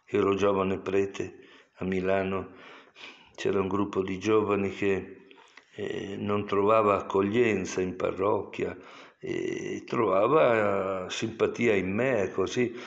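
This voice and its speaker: A man's voice: sits low, flat delivery, slow, vocal fry. An older man, a priest, giving a sermon in a digressive, explanatory way that turns to stern warnings. The recording is dull and lo-fi.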